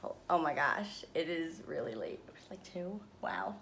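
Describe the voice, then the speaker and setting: A tired young woman vlogging, casually telling a dramatic travel story with laughs and swings in pitch. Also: very animated, a little slow, creaky, a bit bright, a little hiss or hum. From New York area. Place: hotel room.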